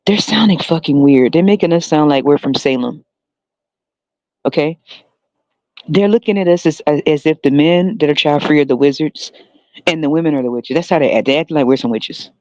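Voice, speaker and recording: A man's voice: fairly high pitch, normal speed, darkish tone, dry recording. A man hosting a solo podcast, talking in a heavily sarcastic, mocking way and often laughing. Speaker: podcast host. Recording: dull lo-fi dry recording.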